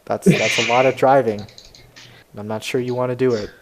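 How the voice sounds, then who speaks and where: A young man co-hosting a casual podcast chat, telling an animated story in which he plays out both sides of a conversation, laughing often and restarting his words. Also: mid-range voice, normal speed, noisy background. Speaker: podcast co-host.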